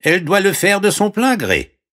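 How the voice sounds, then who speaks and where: A man's voice: sits high, huge pitch swings, normal speed, bright, forceful tone, voice pushed up, full character voice. A man voicing a small warty green frog, polite but insistent, in a storybook reading.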